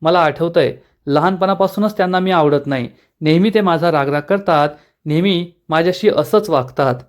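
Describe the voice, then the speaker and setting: A man's voice: fairly high pitch, normal speed, natural voice. A man voicing a caring, stubborn young daughter who insists and pleads with her mother, in a serial recap. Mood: insistent.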